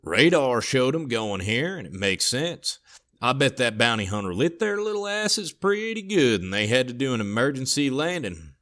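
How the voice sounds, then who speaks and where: A man's voice: mid-range voice, very animated, normal speed, fairly bright tone. A man doing a drawling Southern police sergeant. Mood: cocky. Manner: thick drawl, folksy swagger.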